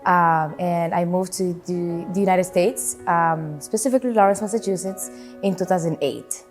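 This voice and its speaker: A woman's voice: fairly low pitch, normal speed, faint music behind. A young woman from the Dominican Republic, a program director, speaking earnestly in an interview with some fillers.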